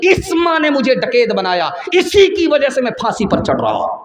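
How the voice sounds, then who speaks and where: A man's voice: very high voice, huge pitch swings, normal speed, voice pushed up, heavily acted. A man voicing a condemned young bandit who blames his mother, in a raised, declaiming voice. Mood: bitter, accusing. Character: condemned young male bandit, bitter and accusing. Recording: echoey room.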